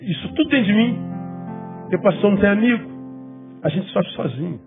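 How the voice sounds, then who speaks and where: A Brazilian pastor preaches with raw emotion, his high voice cracking toward tears and then falling to a hush. The recording is thin and phone-like. A soft guitar plays faintly underneath. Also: animated, fairly quick. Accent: Brazilian Portuguese. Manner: impassioned, voice breaking into tears at peaks, then dropping low and quiet. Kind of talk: emotional sermon. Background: soft guitar music.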